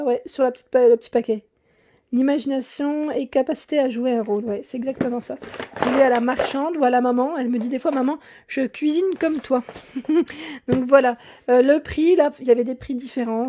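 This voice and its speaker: A woman's voice: a little high, mellow. A young woman chatting casually to viewers, showing off her shopping haul, with many fillers, restarts and frequent laughs. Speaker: YouTube vlogger.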